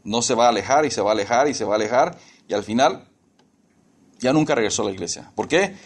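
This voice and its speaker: Middle-aged male pastor, sermon delivery, mid pitch, swings in emphasis, rhetorical questions. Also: animated, fast talker, husky. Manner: preaching with scripture reading and rhetorical questions.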